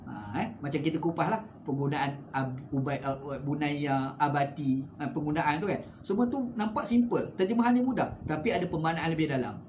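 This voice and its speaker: Give me a fairly high-voiced man with a Malaysian accent, teaching scripture in a lively, conversational way. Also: fairly quick, few pauses, slight background noise. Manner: conversational, with rhetorical tag questions; animated swings in pitch and loudness. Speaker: religious teacher. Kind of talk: Quran commentary lecture.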